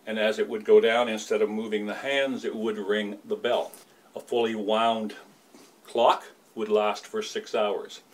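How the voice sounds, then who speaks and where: Measured Canadian man explaining old equipment. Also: on the low side, flat delivery. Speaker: former lighthouse keeper's son. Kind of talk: casual demonstration and reminiscence. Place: small room indoors.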